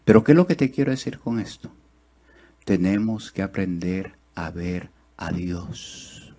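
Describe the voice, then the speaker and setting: This church sermon comes from a man whose intonation stays lively as he climbs into fast, loud, high-pitched exhortation before settling into slow, low, near-hushed passages. He repeatedly addresses the congregation with rhetorical questions.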